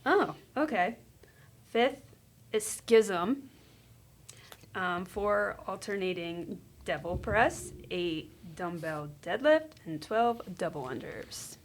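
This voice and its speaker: A woman's voice: medium pitch, animated, slow pace. A woman on a casual gym podcast, making brief playful remarks and listing workouts.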